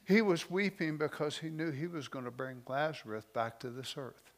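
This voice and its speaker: A man preaching a sermon, moving between slow, emotional lines with soft drops and loose, conversational asides. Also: fairly high pitch, fairly even intonation. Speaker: pastor.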